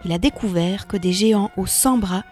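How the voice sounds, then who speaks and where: A woman narrating a children's myth story in an expressive reading voice that sinks to a hush in tense moments. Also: mid-range voice, moderate pace, faint music behind.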